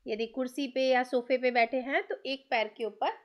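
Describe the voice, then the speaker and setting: A woman leading a guided meditation, giving slow, soothing instructions that mix Hindi and English. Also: high-pitched, fairly even intonation. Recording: music playing underneath. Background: soft background music.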